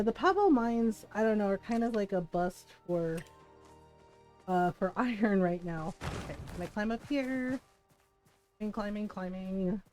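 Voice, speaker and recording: A medium-pitched woman who grew up speaking Tagalog, English and Spanish chats casually on a live game stream, telling stories in a candid, animated way with plenty of swearing.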